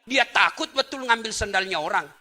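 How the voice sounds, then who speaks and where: Lively preacher guy, very bright tense voice, jumps loud then soft, bit high. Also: normal speed. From Indonesia. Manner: animated, swings from loud exclamations to soft asides, acts out little scenes. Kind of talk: lively sermon to a live audience.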